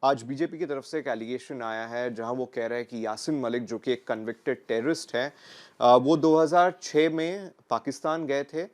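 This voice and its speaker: A man's voice: medium pitch, normal speed. A male news anchor posing questions to a guest hesitantly, with frequent fillers. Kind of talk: live interview questions.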